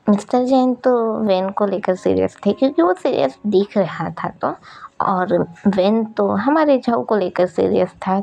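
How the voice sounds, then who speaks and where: Woman telling a story, gravelly voice, dull lo-fi audio. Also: mid-range voice. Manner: steady narrating, explanatory. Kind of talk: storytelling narration of fan fiction. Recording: dull lo-fi recording.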